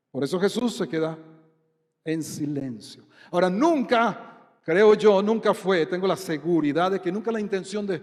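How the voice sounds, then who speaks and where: A Colombian man preaching a sermon with a fairly high voice and an unhurried delivery. He keeps asking his congregation questions. His voice rings out with a long reverb in a church hall. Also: a little mellow. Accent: Colombian Spanish. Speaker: pastor.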